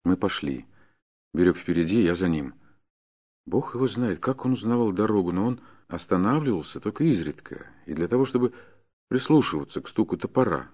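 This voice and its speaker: A man reading a classic story aloud in a measured, even storytelling manner. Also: deep voice. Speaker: narrator. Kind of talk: scripted narration of a classic story.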